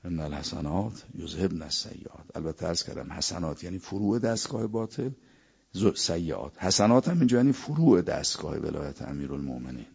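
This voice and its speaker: A man's voice: sits low, big pitch swings, gravelly, darkish tone, husky, muffled recording. A man preaching a sermon, quoting verses in Arabic and telling anecdotes. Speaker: cleric.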